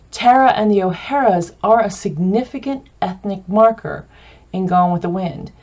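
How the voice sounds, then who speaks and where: Woman lecturer, lowish voice, mellow, chatty with asides. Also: muffled recording, slight background noise. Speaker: film history lecturer. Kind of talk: casual recorded lecture.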